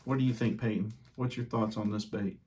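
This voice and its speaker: A man hosting his fishing channel, casually reviewing baits at home in a relaxed, chatty way with lots of ums and uhs. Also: lowish voice, brisk, a little hiss or hum.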